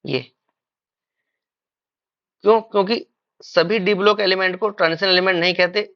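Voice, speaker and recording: A man's voice: high voice, steady tone, normal speed, highs cut off. A man teaching chemistry in a classroom-style lecture. He calls his students "beta", poses questions and answers them himself, and mixes English terms into Hindi.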